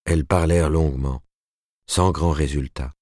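Very deep-voiced male audiobook narrator. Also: steady tone, moderate pace, a little mellow, dry recording, clean studio sound. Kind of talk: scripted narration of a novel.

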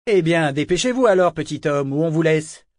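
A man's voice: on the high side, lively intonation, brisk, no echo, studio quality, pitched above the performer's own voice, natural voice. A man voicing a bold woman who mocks and talks bluntly. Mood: mocking. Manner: mocking, blunt. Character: bold, mocking woman sailor.

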